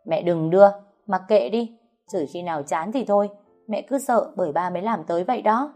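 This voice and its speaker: A woman's voice: fairly low pitch, a little fast, warm tone, faint music behind, close to an everyday voice. A woman voicing a defiant, desperate young adult daughter in a storybook reading, speaking in raised outbursts. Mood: urging.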